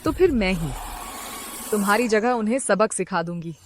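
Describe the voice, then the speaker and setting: An actress dubbing a vengeful wife back from an asylum, cold and commanding. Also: female voice, mid-range voice, animated, moderate pace, noisy background, close to an everyday voice. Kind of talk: Hindi dub of a drama.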